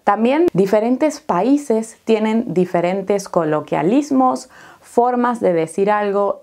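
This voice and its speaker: Her voice is mid-range and slightly mellow. An Argentine woman gives an online Spanish lesson, explaining things clearly and deliberately and posing rhetorical questions.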